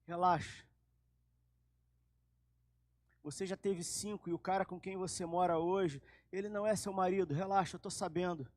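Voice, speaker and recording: Calm, solemn teacher, slow and measured, as voiced by a preacher. Highish male voice, dry sound. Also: dry recording, close to an everyday voice. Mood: reassuring.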